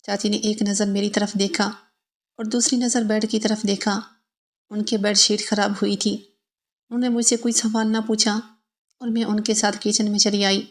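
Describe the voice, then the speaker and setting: A woman narrating a scripted first-person story in an even, steady reading. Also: medium pitch.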